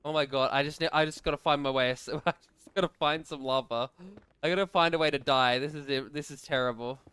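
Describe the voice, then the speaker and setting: A young man streaming a game, chatting casually, often laughing and breaking into frustrated shouts. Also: fairly high pitch, fairly even intonation, a little fast, clean tone, no echo. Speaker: gaming streamer. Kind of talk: casual gaming chat.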